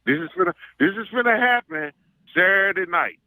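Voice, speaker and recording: A man with an Arkansas Southern accent, talking as an animated sports fan calling in, boastful and emphatic, repeating his phrases for effect. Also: high-pitched, a little fast, no room sound. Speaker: call-in guest, self-styled football scout.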